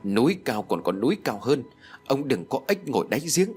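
A man's voice: medium pitch, sing-song, fairly quick, darkish tone, slightly rough, faint music behind. A man voicing a vengeful female ghost who accuses her killers in cold, cutting speech. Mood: scornful.

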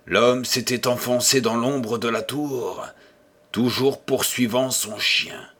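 A man reading a novel aloud as audiobook narrator, measured and deliberate. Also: medium pitch, fairly even intonation, fairly bright tone. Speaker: audiobook reader. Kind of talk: scripted narration.

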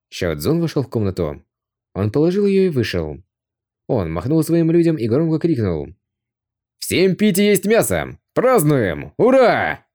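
A man reading an audiobook aloud as scripted narration, expressive, lifting his voice for shouted lines. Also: mid-range voice.

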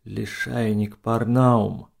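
Cautious, knowing male companion, slow and quiet, played by a male narrator with a gravelly voice. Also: mid-range voice. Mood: hushed. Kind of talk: audiobook reading.

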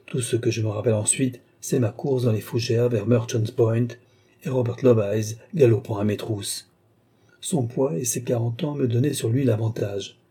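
A man reading a novel aloud as a narrator, in a measured storytelling manner. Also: medium pitch, steady tone, mellow, slightly rough. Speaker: audiobook narrator. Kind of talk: scripted narration.

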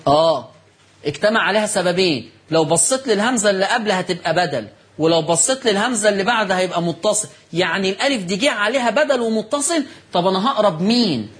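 A man with an Egyptian accent hosting a broadcast recitation lesson. He asks his listeners questions, answers them himself, and reads notes slowly with stress on key words. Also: sits high, expressive, fairly bright tone. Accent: Egyptian Arabic. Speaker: Quran recitation teacher and TV host.

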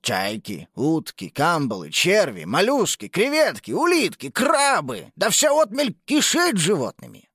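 A woman's voice: fairly low pitch, huge pitch swings, a little slow, a bit bright, husky, dry recording, clean studio sound, voice pushed down, heavily acted. A woman voicing a puzzled old grandfather who mutters and grumbles, read as an audiobook. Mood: grumbling. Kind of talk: audiobook narration.

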